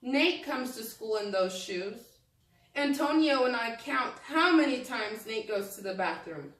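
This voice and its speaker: A woman teacher reading a picture book aloud to young children, pausing to prompt them with questions and think out loud. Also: fairly high pitch, expressive. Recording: echoey room, distant microphone.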